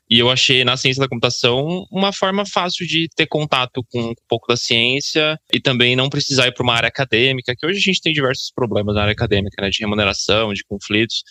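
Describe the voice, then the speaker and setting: A man's voice: medium pitch, no room sound. A man in his thirties with a Brazilian Portuguese accent answering interview questions in a chatty way. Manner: quick, bright and chatty, with frequent "né" and "tá". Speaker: podcast guest, data team lead.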